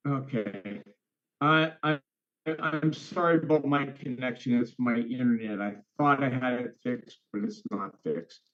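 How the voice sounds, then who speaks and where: Speaking unhurriedly at medium pitch, a man on a video call asks the group questions with emphatic enthusiasm, repeating words to stress them. His audio comes from a computer or phone and sounds dull and lo-fi, breaking up over a poor internet connection.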